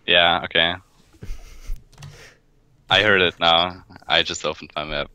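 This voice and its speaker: Deep voiced guy on a muffled call, bright edgy tone, casual. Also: steady tone, slow pace, smooth. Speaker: mapper on a voice call. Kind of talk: casual chat.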